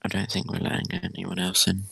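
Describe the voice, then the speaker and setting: A tired, sleepy man moderating an online voice chat, speaking in a drawn-out, worn-down way. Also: low voice, monotone, vocal fry, fairly bright tone, a little hiss or hum.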